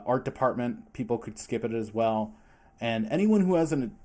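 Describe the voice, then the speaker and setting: A man reading scripted vlog narration in a measured, advisory way. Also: mid-range voice, dark tone. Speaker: vlog host, film sound mixer.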